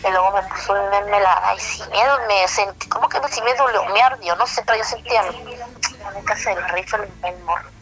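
A woman with a Mexican accent telling an intimate first-person story over a phone call, halting and sighing, with many restarts. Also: medium pitch, fairly bright tone. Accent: Mexican Spanish. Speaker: caller telling her story.

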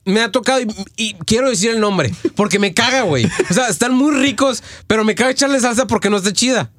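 A man's voice: sits high, fast talker, a bit bright, dry recording, studio quality, soft background music. A man with a Mexican accent, co-hosting a casual chat full of slang, swearing and joking banter. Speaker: podcast co-host.

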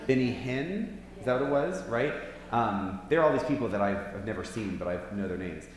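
A man's voice: lowish voice, animated, brisk, a crowd in the background. A man preaching informally to a church group, conversational and putting questions to his listeners, in a big echoey hall. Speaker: preacher leading a church Bible class. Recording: big hall echo, long reverb, faint hum.

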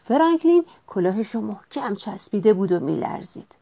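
A woman reading a children's storybook aloud with gentle, expressive narration. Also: medium pitch, vocal fry.

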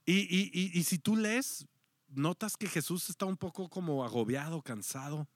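Pastor preaching with animated delivery. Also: male voice, a little high, normal speed, no echo. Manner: animated storytelling, acting out quotes, dropping to near-whispers. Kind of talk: sermon.

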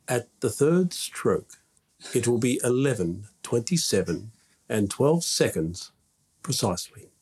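A man imitating a male telephone speaking clock, saying slow, clipped words that sound spliced together from a recording. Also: medium pitch, big pitch swings, darkish tone, husky, heavily acted. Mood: measured.

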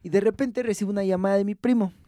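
Hombre mexicano de voz aguda y viva. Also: male voice, high-pitched, rapid-fire, no room sound, studio quality. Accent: Mexican Spanish. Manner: animated slangy storytelling, laughs often. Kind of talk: casual storytelling chat.

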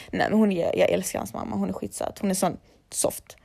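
A woman's voice: mid-range voice, fairly even intonation, vocal fry, dark tone, breathy edge. A young woman, a laser hair removal technician, chatting casually and bluntly to her followers and swearing freely.

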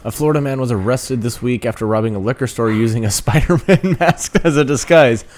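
A woman's voice: extremely low pitch, a little fast, darkish tone. A woman co-hosting a casual podcast chat, giggly, reading headlines aloud. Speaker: podcast co-host.

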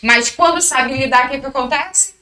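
A woman's voice: high voice, moderate pace, a crowd in the background. A woman, a fighter, telling her story in a casual interview and acting out what others said. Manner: animated, acts out quoted dialogue. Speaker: guest, professional fighter.

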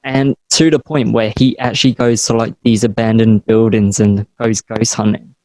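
A young man, chatting on a podcast, excitable and playful, tripping over his words. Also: lowish voice, normal speed, no room sound, poor audio. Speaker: podcast co-host. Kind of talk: casual chat.

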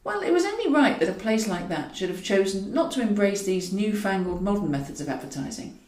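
Very animated and brisk, a woman with a slightly mellow mid-range voice narrates her own work of fiction for an audiobook. She tells the scripted story wryly and wordily, and the recording has a roomy echo with the mic set at a distance.

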